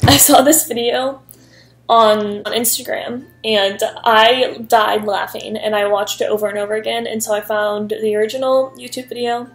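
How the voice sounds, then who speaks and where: Young woman vlogger, high voice, chatty and giggly, laptop mic at home. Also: fairly even intonation, moderate pace. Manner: chatty, giggly, lots of fillers. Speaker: YouTuber. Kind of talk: casual reaction vlog. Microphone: laptop built-in mic.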